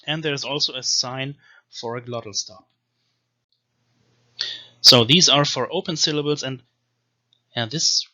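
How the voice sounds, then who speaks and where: A man's voice: medium pitch, sharp tone, lo-fi sound. A man giving an explanatory video lecture on reading an ancient script, carefully sounding out one syllable after another. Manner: slowly spells out syllables one by one. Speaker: language teacher.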